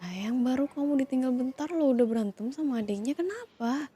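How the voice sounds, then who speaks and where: A woman in a whispered role-play, calmly scolding and soothing two siblings who have been fighting. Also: high-pitched, fairly quick, husky. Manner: scolding yet soothing, questioning. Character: woman calming partner and his younger sibling fighting. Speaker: ASMR roleplay creator.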